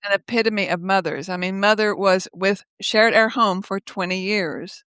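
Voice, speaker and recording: An older woman speaking as a guest over a video call from her home office, telling stories in a lively way, laughing often and acting out the voices of others. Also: medium pitch, normal speed, smooth, no room sound. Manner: lively, laughs often, acts out quoted speech. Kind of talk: casual conversational storytelling.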